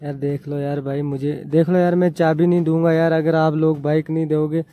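A man's voice: on the high side, level tone, a little fast, warm tone, no echo. A young man vlogging outdoors by the road, pushy and teasing as he pulls a prank on bikers. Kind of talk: casual prank vlog banter.

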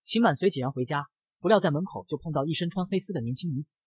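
A man telling a comic story in brisk narration. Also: a little high, husky, no room sound.

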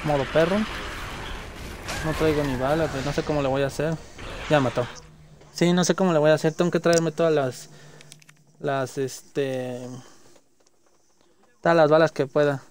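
Excitable Mexican man streaming a game. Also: fairly high pitch, moderate pace, pauses often, slight background noise, poor audio. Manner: excitable, frequent outbursts and slang. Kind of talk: live gameplay commentary.

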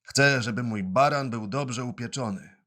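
Gruff bearded giant puppet-show boss, hoarse and booming, read by a man. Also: unhurried. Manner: loud shouting orders, sneezes.

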